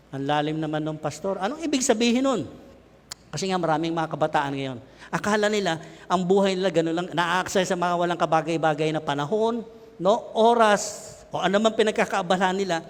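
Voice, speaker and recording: A middle-aged Filipino man preaching a lively sermon, joking and shouting with his congregation. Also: high-pitched. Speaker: pastor. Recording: long hall reverb.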